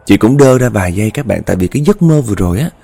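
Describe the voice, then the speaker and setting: A man's voice: fairly low pitch, animated, rapid-fire, creaky, dark tone. A man with a Southern Vietnamese accent narrating a horror story, chatting directly to his listeners. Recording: faint background music.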